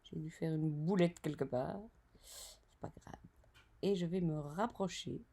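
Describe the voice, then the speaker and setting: A woman walks through a design-software tutorial over her screen recording. She talks slowly in a lowish, gravelly voice. She is chatty and narrates every click with small self-correcting asides.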